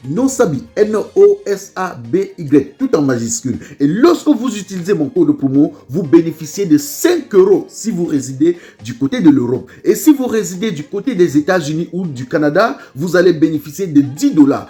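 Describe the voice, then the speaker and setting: Mellow-voiced man reading a sponsor ad. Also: on the high side, sing-song, moderate pace, few pauses, faint music behind. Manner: upbeat, spells out a promo code. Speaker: channel host reading a sponsor ad. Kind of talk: promotional read.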